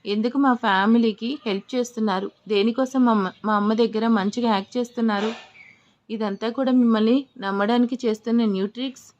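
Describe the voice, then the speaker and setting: A woman plays a young wife in an audio story, suspicious and quick to argue, with sulky, pleading questions. The voice is fairly high. The recording is slightly dull and lo-fi. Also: steady tone, darkish tone, slight background noise, natural voice.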